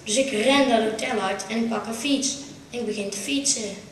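A woman's voice: fairly high pitch, moderate pace, a little hiss or hum. Woman telling comic stories on stage. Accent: Brabant Dutch. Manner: storytelling with punchlines, lively. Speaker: carnival stage performer. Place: small theatre stage. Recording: roomy, distant amateur stage recording.

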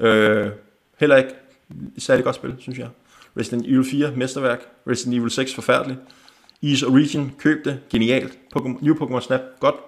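A young man giving quick, offhand verdicts and chuckling often while chatting casually on a livestream. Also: mid-range voice, steady tone. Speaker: gaming channel host.

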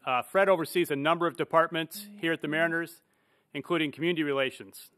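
Bright-voiced middle-aged man at a podium. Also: fairly high pitch, fairly even intonation. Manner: measured, procedural announcements. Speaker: club communications executive, moderator. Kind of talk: formal press-conference opening. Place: press room at a podium. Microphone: podium mic.

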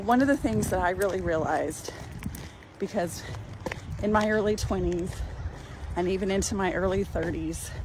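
An older woman with a medium-pitched voice strolls through a parking lot, talking to her cooking channel's viewers in a friendly, encouraging, chatty way. She records on a phone held out at arm's length, and the outdoor audio carries clear background noise.

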